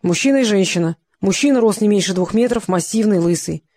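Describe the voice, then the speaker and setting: Woman reading as a flat-voiced surveillance operative. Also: medium pitch, brisk, natural voice. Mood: matter-of-fact. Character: male surveillance operative giving flat report.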